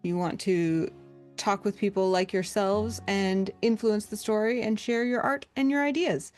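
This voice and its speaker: A woman's voice: medium pitch, fairly even intonation, measured pace, a little mellow, soft background music. A woman hosting a live tabletop game show, welcoming viewers in an upbeat, chatty way. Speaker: show host.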